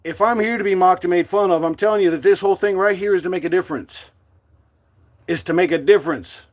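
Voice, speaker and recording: A middle-aged man from the United States speaking to his livestream viewers in a forceful, defiant, preachy monologue. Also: sits high, fast. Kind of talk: impassioned live-stream monologue.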